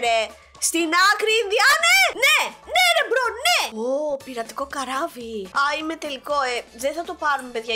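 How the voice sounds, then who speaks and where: Young female gamer, sore-throated but animated, shrieking at her game over quiet music. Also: high voice. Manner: excitable, exclaiming at the game. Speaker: gaming YouTuber. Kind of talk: gameplay commentary.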